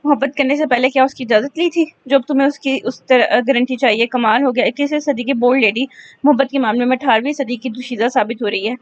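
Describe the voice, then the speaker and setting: Fiery sarcastic young woman, high-pitched and blunt, read by a woman narrator; dull lo-fi sound. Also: steady tone, fast talker, no echo, close to an everyday voice. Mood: angry scolding. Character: hot-tempered outspoken young woman friend. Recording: dull lo-fi recording.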